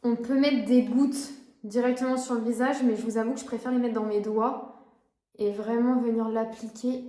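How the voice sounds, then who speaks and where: A woman's voice: fairly high pitch, steady tone, normal speed, dark tone, roomy sound. A woman in her twenties chatting casually as a beauty vlogger, with frequent hesitations. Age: 20s. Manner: chatty, frequent "euh" fillers. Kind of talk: casual vlog chat.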